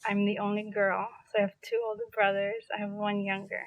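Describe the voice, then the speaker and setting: Talking briskly in a medium-pitched monotone, a young woman from New York City chats casually as a podcast guest, leaning heavily on "like" and restarting often. The recording is dry, with the highs cut off.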